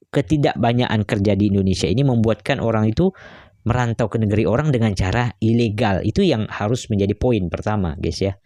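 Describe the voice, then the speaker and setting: Low, mellow man musing aloud. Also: no room sound, clean studio sound. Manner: keeps adding "guys, ya" tags and fillers; musing, hesitant. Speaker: reaction video host. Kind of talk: casual reaction commentary.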